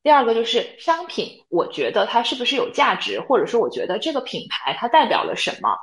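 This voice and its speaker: A woman's voice: a little high, wildly swooping pitch, fairly quick, echoey room, rough recording. A woman co-hosting a podcast, explaining her views point by point in a casual analytical chat. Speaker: podcast co-host.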